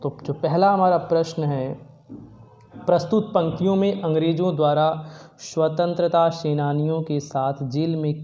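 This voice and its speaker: A teacher works through a poem line by line, restating each phrase in plain words before dictating answers for students to copy. The voice is mellow and soft-edged and sits in a middle pitch. The recording is slightly dull and lo-fi. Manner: paraphrases each verse line and tells students what to write.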